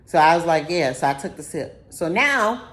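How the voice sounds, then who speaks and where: Animated young woman telling a wild story. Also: moderate pace. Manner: animated, profane, sudden high-pitched outbursts. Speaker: storytime vlogger. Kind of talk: casual storytelling.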